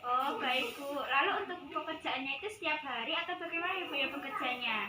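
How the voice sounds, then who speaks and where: Speaking a little fast in a high voice, a young woman from Indonesia takes the nutritionist's part in a rehearsed counselling dialogue, keeping her tone polite and formal. The room echoes, the mic is distant, and background noise comes through clearly.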